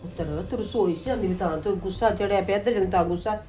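An actress plays an older aunt in a family drama, coaxing and scolding her niece in a warm, fast, medium-pitched voice close to everyday speech. The mood is coaxing, and the echoey room has music playing underneath.

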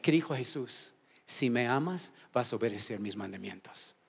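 A male pastor preaching a sermon in a church auditorium, leading call-and-response and swinging from shouted lines to low asides. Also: lively intonation, moderate pace, gravelly, breathy edge.

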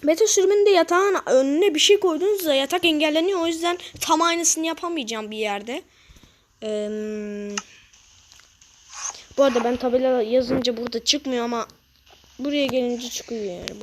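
A woman's voice: sits high, a little hiss or hum. Woman muttering through Minecraft builds. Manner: muttering to herself, adding sound effects. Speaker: Minecraft video creator. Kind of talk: casual gameplay commentary.

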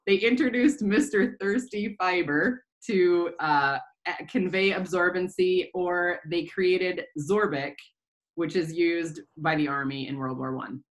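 Brief: woman quiz host, slightly low voice, keeps laughing mid-question. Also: unhurried, poor audio. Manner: giggly, keeps breaking into laughter. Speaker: quiz host on a staff podcast. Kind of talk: casual quiz chat.

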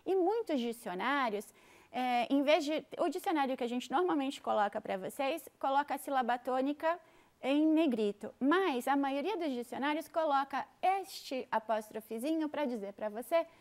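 A woman's voice: high voice, expressive, moderate pace, darkish tone. A woman with a Brazilian Portuguese accent giving a bilingual English pronunciation lesson, explaining step by step in an upbeat way. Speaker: English teacher.

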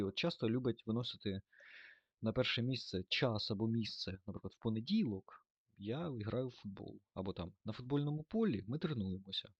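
A man's voice: medium pitch, no echo, muffled recording. A man teaching German grammar in a lesson, thinking aloud with fillers and self-corrections.

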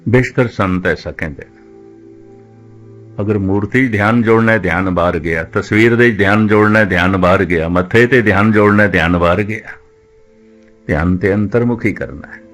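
A male Sikh preacher giving a religious discourse, speaking slowly and deliberately, repeating phrases and drawing out scripture lines in a sung cadence. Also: on the low side, a bit bright, faint music behind.

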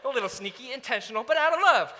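High, lively man preaching in a hall. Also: quick pace, a little hiss or hum. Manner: animated, self-mocking storyteller who acts out his own quotes. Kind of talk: storytelling sermon.

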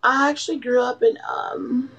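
A woman on a casual video chat who talks in a flat, nonchalant way, with lots of fillers. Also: high-pitched, moderate pace. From California and Louisiana. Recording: muffled lo-fi call with faint noise.

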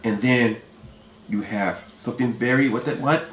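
A man's voice: mid-range voice, normal speed, fairly bright tone. A man chatting casually as challenge host, coaching with short, repeated instructions. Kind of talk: casual chat. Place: small room at home. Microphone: camera a short distance away. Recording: roomy echo, clear background noise.

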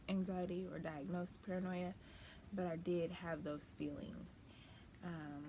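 Woman vlogger, new mom, lowish voice, candid chatty talk, folksy phrasing, emphatic lifts. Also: background noise. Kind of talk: personal casual vlog talk.

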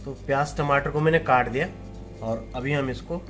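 A man's voice: medium pitch, moderate pace, a bit bright, soft background music. A man, a chef, explaining a recipe step by step in a kitchen cooking demonstration.

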